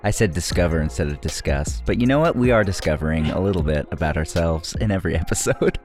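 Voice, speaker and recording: A man co-hosting a casual podcast, playful and quick to laugh at his own slips. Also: low-pitched, expressive, darkish tone, faint music behind. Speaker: podcast co-host.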